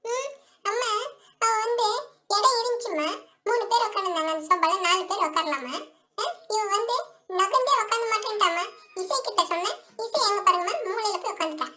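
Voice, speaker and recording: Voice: extremely high pitch, brisk, sharp tone. A female performer voicing a bossy, defensive elder sister doll in a doll story play.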